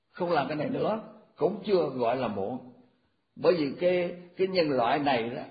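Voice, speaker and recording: Elderly monk in his 80s, fairly high voice, folksy repetitive teaching, echoey muffled recording. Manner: folksy, repetitive, rattles off verse formulas. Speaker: Buddhist monk. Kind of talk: informal dharma talk.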